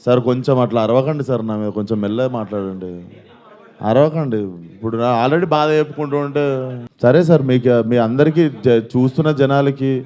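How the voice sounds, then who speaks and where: A man's voice: mid-range voice, fairly quick, warm tone. A man, making an earnest, pleading statement at a press conference and repeating his points. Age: 20s. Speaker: film actor at a press meet.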